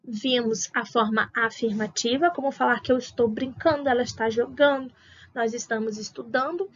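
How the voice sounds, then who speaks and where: A woman teacher with a Brazilian Portuguese accent, patiently explaining grammar step by step with slow examples. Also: fairly high pitch, fairly bright tone, lo-fi sound, slight background noise. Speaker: English teacher. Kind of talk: recorded grammar lesson for adult school.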